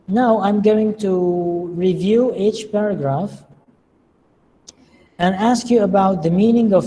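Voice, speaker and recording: A lecturer who speaks slowly and deliberately, quizzing students on word meanings in a lecture room. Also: medium pitch, warm tone. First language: Arabic. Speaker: English lecturer. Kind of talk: classroom lecture with questions to students. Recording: long reverb, faint room noise.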